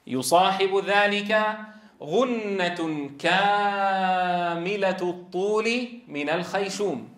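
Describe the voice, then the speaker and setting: A man's voice: high voice, fairly bright tone. A man teaching Quran recitation in a classroom. He explains step by step, asks the class questions and draws out sounds to demonstrate them. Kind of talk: classroom tajweed lecture. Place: classroom with a board. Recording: echoey classroom.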